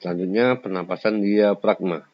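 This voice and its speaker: A man's voice: on the low side, moderate pace. A man teaching a school lesson, explaining each point in turn and sometimes singing short examples. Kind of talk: classroom lecture. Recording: slightly dull lo-fi sound.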